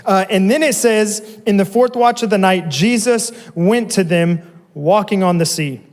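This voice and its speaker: A young man gives a relaxed, slangy youth sermon. His voice sits high for a man. The hall around him rings with a long reverb. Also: measured pace. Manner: conversational, slangy preaching with asides. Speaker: youth pastor. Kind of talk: casual sermon. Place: church hall.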